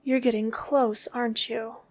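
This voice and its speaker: A woman delivering a scripted dominant roleplay in a slow, commanding, contemptuous tone that often drops to a whisper. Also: fairly high pitch, flat delivery, darkish tone.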